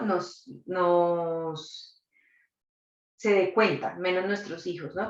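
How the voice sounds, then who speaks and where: A woman, a psychologist and doula, leading a live online workshop and asking the audience reflective questions. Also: medium pitch. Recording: distant, dull, roomy recording.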